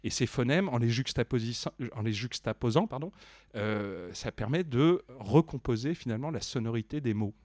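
A man giving a deadpan mock review of a dictionary, rambling with many restarts and fillers. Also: mid-range voice, normal speed, dry recording.

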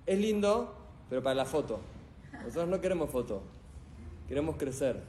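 A man giving a lively motivational talk with an Argentine accent, his pitch fairly high for a man. He speaks without a mic in a full event hall and tells stories with animated swings in his voice. He keeps turning questions back to the crowd, with faint noise behind him. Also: normal speed. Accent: Argentine Spanish. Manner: animated storyteller who quizzes the audience. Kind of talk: live motivational talk to an audience. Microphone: speaking without a microphone.

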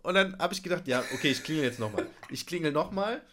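A man's voice: fairly high pitch, quick pace, a little hiss or hum. A man co-hosting a podcast, casually telling an anecdote and acting out his own reactions. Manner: animated, acts out his own reactions with frequent laughter. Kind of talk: casual storytelling chat.

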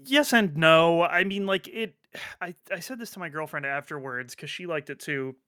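A man's voice: fairly high pitch, moderate pace, sharp tone, dry recording, clean studio sound. A man hosting a podcast in casual chat, rambling with lots of fillers, restarts and offhand swearing. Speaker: podcast host.

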